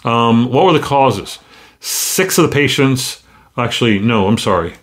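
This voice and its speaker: A man, a physician hosting a short medical show, talking through cases in a halting, conversational way with frequent pauses. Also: medium pitch, lively intonation, fairly bright tone. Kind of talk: casual clinical talk.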